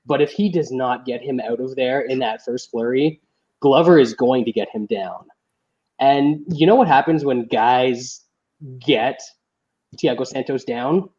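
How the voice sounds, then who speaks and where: A man's voice: medium pitch, unhurried, darkish tone, highs cut off. Blunt man making betting picks. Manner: blunt, confident betting talk with filler "uh"s. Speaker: podcast co-host. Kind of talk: casual fight-analysis chat.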